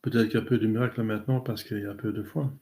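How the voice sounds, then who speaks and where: Priest, low voice, halting catechism teacher who pauses often. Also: male voice, steady tone, dark tone, a little hiss or hum. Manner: halting, many fillers and tag questions. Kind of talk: catechism talk answering questions.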